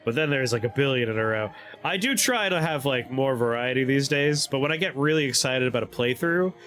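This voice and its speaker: A man streaming a video game, chatting casually and excitably with his audience, laughing often and reading the game's text aloud. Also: mid-range voice, a little fast, soft background music.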